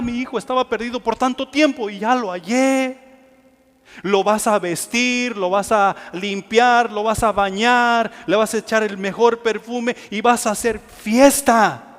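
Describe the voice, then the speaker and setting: A man preaching a sermon with passion, dropping to hushed lines and rising to loud ones. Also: high-pitched, in a large hall. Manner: impassioned, swinging between hushed and loud.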